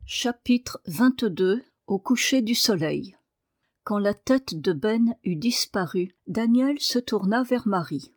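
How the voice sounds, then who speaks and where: A woman narrating a novel aloud in an expressive reading voice. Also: medium pitch, slow, dry recording, clean studio sound. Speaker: audiobook narrator. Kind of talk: scripted narration.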